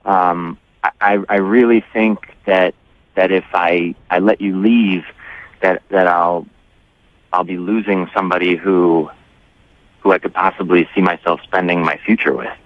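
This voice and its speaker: A man's voice: low-pitched, fairly even intonation, unhurried, dry recording. A man calling in to a radio show, nervous, earnest and stammering. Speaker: caller. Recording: dull lo-fi phone line.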